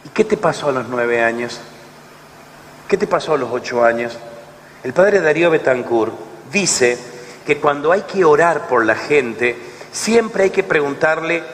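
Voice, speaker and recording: Argentine preacher in a reverberant hall. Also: male voice, a little high, slight background noise. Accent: Argentine Spanish. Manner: animated storyteller, acts out dialogue. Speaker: lay preacher. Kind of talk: storytelling sermon. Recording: long hall reverb, faint ambience.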